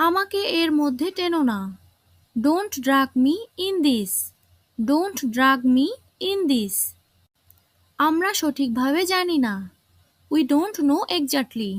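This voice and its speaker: A woman teacher reading short lesson phrases and repeating each one twice, slowly and clearly. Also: sits high, no echo. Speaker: language teacher.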